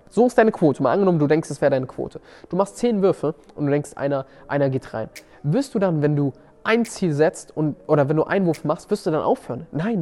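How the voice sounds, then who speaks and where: With a warm, slightly high voice, a seminar coach hosting a motivational podcast presses his points emphatically. He keeps repeating key words and restarting what he says.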